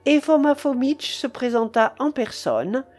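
A woman narrating a classic novel as an audiobook in a measured, expressive reading. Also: high-pitched, soft background music.

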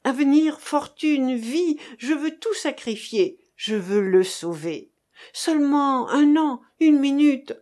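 A woman's voice: mid-range voice, lively intonation, slow. A woman reading an audiobook, voicing an impassioned young woman who speaks in breathless, pleading outbursts.

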